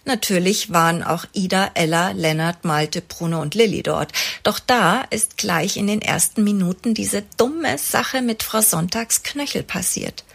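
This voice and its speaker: Husky-voiced woman, expressive storybook reader. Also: medium pitch, measured pace, few pauses. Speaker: children's author reading her story. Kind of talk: storybook read-aloud.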